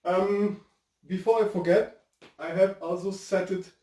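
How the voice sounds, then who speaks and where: A man's voice: sits high, fairly even intonation, unhurried, mellow. A man from Portugal with a Portuguese accent and Portuguese as his first language, giving a casual, rambling tech review at home while he searches for words. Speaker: tech video host. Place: home room with a fireplace.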